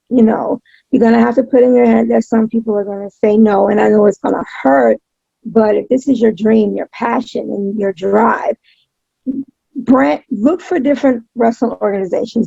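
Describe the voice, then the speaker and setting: A woman chatting casually as an interview guest, speaking emphatically and repeating phrases for stress, with a gravelly, husky voice on dull, lo-fi audio. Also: a little high, dark tone, no echo. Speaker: interview guest, pro wrestling announcer.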